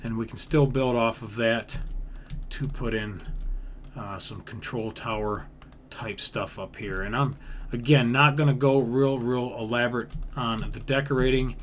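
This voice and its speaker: Here the man speaks at a medium pitch, a little slowly and with a steady tone. As a gaming video creator, he gives easygoing commentary on his in-game building, thinking aloud with repetition and folksy grammar, while background noise and typing are heard.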